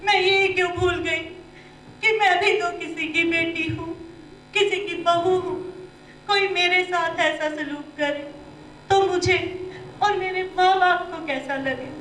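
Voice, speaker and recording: A woman's voice: very high voice, fairly even intonation, unhurried, a bit bright, distant mic. A woman playing a remorseful grandmother. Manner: remorseful, pleading. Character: remorseful grandmother begging her granddaughter's forgiveness. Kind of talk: amateur stage skit. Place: live stage in a hall. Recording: echoey hall with faint hum.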